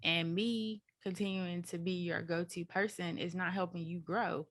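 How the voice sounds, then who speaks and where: A woman's voice: fairly low pitch, steady tone, normal speed, no room sound, clean studio sound. A woman co-hosting a casual podcast who talks things through, giving everyday examples. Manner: reflective, explains with everyday examples. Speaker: podcast co-host.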